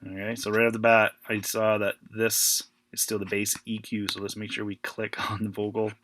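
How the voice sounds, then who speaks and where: A man teaching an informal audio editing lesson, thinking aloud in a relaxed way. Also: fairly low pitch, moderate pace. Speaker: music teacher. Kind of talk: casual screen-recorded audio editing tutorial.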